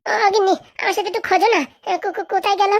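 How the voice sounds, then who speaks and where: This is an anxious cartoon villager, a man who whines and stumbles over his words, as a woman puts him on. The voice is pitched high and rushes along. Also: steady tone. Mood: worried. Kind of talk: cartoon voice acting.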